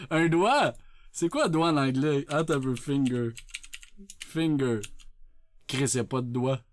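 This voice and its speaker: A man from Quebec with a Québécois French accent, chatting loudly and jokingly with viewers on a live stream, laughing often. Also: mid-range voice, takes it slowly, long pauses, slight background noise. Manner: loud, jokey, laughs often. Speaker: Twitch streamer. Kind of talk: casual live-stream chat. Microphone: sensitive desk mic.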